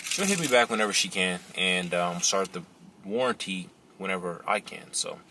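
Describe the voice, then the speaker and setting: Chill chicago guy in his 30s vlogging in the car, kinda low voice, road noise behind. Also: moderate pace. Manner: relaxed, chatty, says "finna" and "you know". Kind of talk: casual vlog talk to camera. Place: inside a parked car. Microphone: camera on the dashboard.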